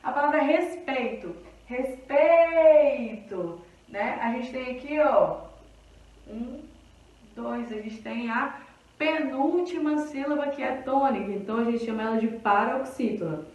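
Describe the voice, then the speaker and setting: High-voiced Brazilian woman teaching in an echoey room. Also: unhurried, recorded from a distance. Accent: Brazilian Portuguese. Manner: explanatory, checking in often with the class. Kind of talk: recorded grammar lesson.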